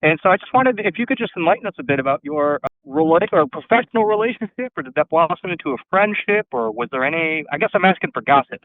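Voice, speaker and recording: A man's voice: fairly high pitch, lively intonation, fast talker, few pauses, no echo. A man asking a rambling, hesitant question as an audience caller over a tinny line.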